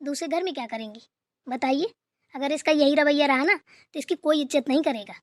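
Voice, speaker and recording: A woman's voice: high voice, fairly quick, no room sound, studio quality, natural voice. A woman voicing a strict middle-aged mother in a cartoon who lectures her daughter and mother-in-law. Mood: lecturing. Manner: lecturing, preachy.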